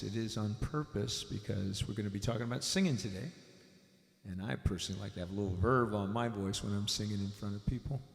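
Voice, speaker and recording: A man teaching piano and singing in a relaxed, casual way, his voice drenched in added hall reverb. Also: fairly low pitch, gravelly. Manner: relaxed, demonstrates while explaining. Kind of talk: casual spoken lesson at the piano. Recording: big echoey hall reverb with loud piano.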